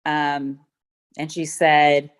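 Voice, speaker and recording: A woman's voice: low voice, monotone, drawn-out words, clean tone. A middle-aged woman giving courtroom testimony, hesitant and full of ums as she retells events step by step. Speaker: witness.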